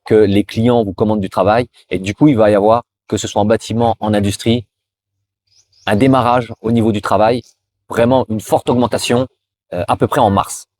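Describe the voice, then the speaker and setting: A man's voice: lowish voice, steady tone, moderate pace, darkish tone. A man from France giving informal career advice straight to the viewer, often restarting and repeating words as he goes. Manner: talks directly to viewer, frequent restarts and repetitions. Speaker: career advice video host.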